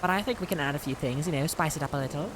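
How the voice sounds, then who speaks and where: A woman's voice: low voice, racing, noisy background. A woman streamer talking in character during a roleplay game, chatty and hesitant with fillers.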